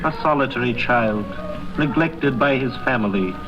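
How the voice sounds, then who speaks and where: An actor playing a solemn, commanding ghost in a radio drama, speaking in a measured, grave way. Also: male voice, mid-range voice, lightly acted. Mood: grave, guiding. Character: solemn, commanding ghost guiding a miser through his past. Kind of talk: old-time radio drama acting. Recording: muffled old radio broadcast, music behind.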